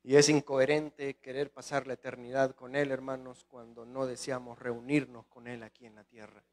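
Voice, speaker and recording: A man's voice: medium pitch, level tone, normal speed, a little mellow. A man with a Salvadoran accent preaching a sermon with impassioned delivery, often calling out to the congregation. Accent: Salvadoran Spanish. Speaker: guest pastor.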